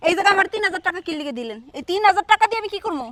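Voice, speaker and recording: A woman's voice: very high-pitched, lively intonation, rapid-fire, fairly bright tone, no echo. A woman playing a defiant poor laborer. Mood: indignant. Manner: indignant, firm, demanding. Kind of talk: short-film drama acting.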